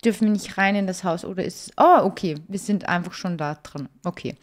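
A young woman giving bubbly, gushing let's play commentary, dropping to quiet asides. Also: lowish voice, a little fast. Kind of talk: casual game commentary.

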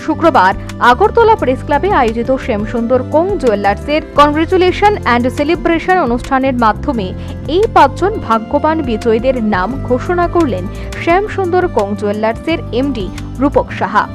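A woman's voice: sits high, animated, moderate pace, over music. A woman reading a scripted news report as a reporter.

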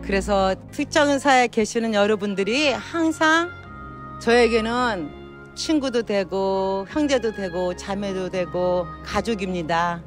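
A woman's voice: medium pitch, a little slow, soft background music. A woman in her sixties speaking casually as an interview guest, sharing personal testimony into a handheld phone indoors. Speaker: interview guest, church member. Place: indoor hotel lobby lounge. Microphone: phone held near the mouth by interviewer.

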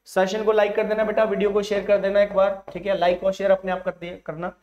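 A man teaching a live online exam-prep class, coaxing his students and calling them "beta", drawing English phrases out slowly. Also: sits high, little pitch movement, darkish tone, echoey room, dull audio.

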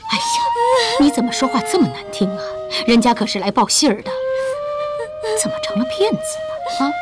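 A woman's voice: fairly high pitch, big pitch swings, fairly quick. Fussing doting mother. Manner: coaxing, fussing, soft sighs. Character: doting middle-aged mother, fussy and soothing. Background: film score music.

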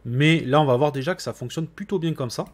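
Male tech tutorial host, husky and a touch high, easygoing walkthrough delivery. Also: fast talker. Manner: relaxed, chatty, with frequent "hop" and "voilà". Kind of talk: screen-recorded software tutorial.

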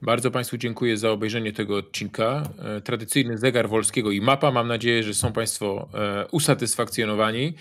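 A man's voice: fairly low pitch, fairly even intonation, a little fast, few pauses, a bit bright. A man hosting an interview show, putting listener questions to his guest and closing with a polite, formal sign-off to the audience. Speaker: host.

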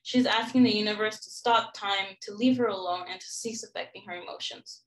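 In an academic presentation, a young woman studying music lectures on a song cycle and guides listeners through highlighted passages in the score. Her middle-pitched voice is explanatory and scholarly, heard on a rough recording.

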